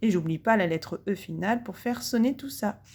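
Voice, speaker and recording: A woman teacher with a French accent giving a phonics lesson to young children, drawing out each sound slowly and deliberately. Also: medium pitch, a little mellow, slightly rough. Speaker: primary school teacher.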